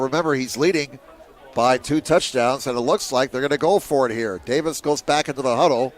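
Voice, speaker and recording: A man calling play-by-play for a high school football game, steady and measured that rises sharply on big plays. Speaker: play-by-play commentator.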